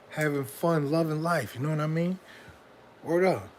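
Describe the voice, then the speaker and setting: A man's voice: fairly high pitch, slight background noise. A middle-aged man from Brooklyn with a New York accent, an independent hip hop artist chatting casually on a livestream in a slangy, rambling way outdoors. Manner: slangy, rambling, keeps asking "you know what I'm saying". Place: outdoors near a bridge.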